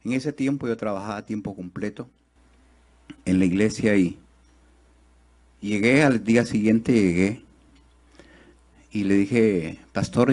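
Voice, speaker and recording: Spanish-speaking preacher, loud then hushed. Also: male voice, creaky. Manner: swings from loud, high, fast exhortation to low, slow, quiet confiding; asks the congregation rhetorical questions. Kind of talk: sermon. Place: church.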